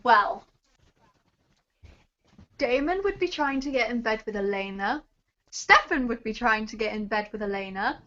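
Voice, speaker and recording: A woman with a fairly high voice chats as a guest on a livestream, giggly and matter-of-fact. Her voice comes through dull and lo-fi over a call. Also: animated, measured pace, pauses often, pushed and bright. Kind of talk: casual livestream chat.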